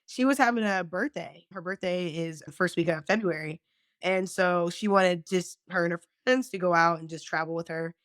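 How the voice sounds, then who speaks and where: A woman chatting as a podcast guest, telling lively stories, swearing freely and acting out what people said. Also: lowish voice, moderate pace, no echo, studio quality. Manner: animated storyteller, swears freely, acts out quotes. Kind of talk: casual chat.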